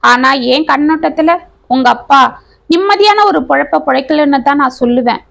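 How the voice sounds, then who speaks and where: An honest, proud old village uncle, as a woman reads him speaks with earnest, measured weight. The voice sits high and light in this storybook reading. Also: gravelly, a bit bright.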